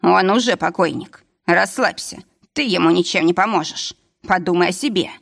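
A woman's voice: fairly low pitch, normal speed, gravelly, a bit bright. A woman reading an audiobook and voicing a frightened man who insists urgently. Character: frightened man, pleading and clinging.

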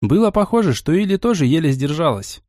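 A man narrating a first-person audiobook in an expressive storytelling manner. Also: fairly high pitch, a little fast, no room sound, clean studio sound.

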